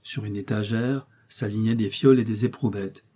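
A man reading a story aloud in a measured, suspenseful narration. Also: lowish voice, fairly even intonation, warm tone. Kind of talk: scripted audiobook narration.

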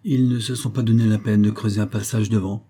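A man's voice: on the low side, steady tone, fairly quick, mellow, close to an everyday voice. A man voicing a confident adult male chief mountain guide in a read-aloud story, explaining things in a practical, reassuring way. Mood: earnest.

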